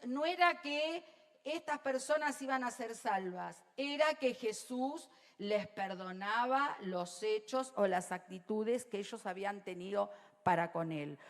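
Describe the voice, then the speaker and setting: A woman pastor with an Argentine Rioplatense accent, preaching a sermon to a congregation and often checking in with "¿sí?", her voice swinging between loud and soft. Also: fairly high pitch. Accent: Rioplatense Spanish. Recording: long reverb of a church hall.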